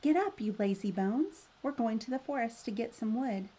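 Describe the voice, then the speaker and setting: A woman's voice: a little high, lively intonation, moderate pace, warm tone, breathy edge, highs cut off. A woman reading the part of a cold-hearted stepmother in a storybook, curt and scolding. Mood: bossy, scolding. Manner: curt, bossy.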